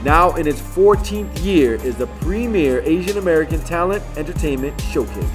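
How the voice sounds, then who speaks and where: A man's voice: a little high, lively intonation, normal speed. A man giving scripted, upbeat news narration as host of a local music show, speaking over a voice-over.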